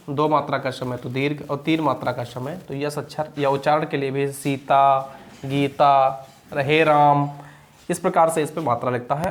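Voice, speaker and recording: A young male teacher leads an exam-prep grammar lesson at a middling pitch. He repeats key phrases and keeps checking that his students follow. When he recites the rules, he slows right down. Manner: recites Sanskrit sutras slowly.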